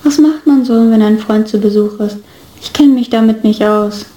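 A woman's voice: on the high side, moderate pace, dark tone, natural voice. A woman voicing a grumpy, prickly young man who snaps and stammers, in an echoey room. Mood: snappish. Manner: snappish and flustered.

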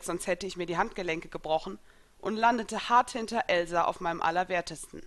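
Woman narrator for a first-person story, expressive and lively, mid-pitched, close dry sound. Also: no echo. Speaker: reader.

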